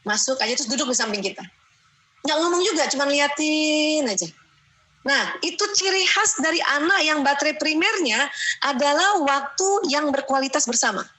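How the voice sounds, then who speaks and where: Middle-aged lady teaching parents, bright voice pitched a bit high, keeps acting out moms talking to kids. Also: normal speed, poor audio. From Indonesia. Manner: animated, acts out mothers scolding and coaxing children. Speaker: parenting seminar speaker. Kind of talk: lively seminar talk.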